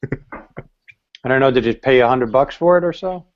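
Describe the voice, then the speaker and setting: A man's voice: mid-range voice, a little slow. Easygoing male host on a lo-fi line. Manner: easygoing, brief responses, laughs often. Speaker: live-stream show host. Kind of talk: casual live-stream chat.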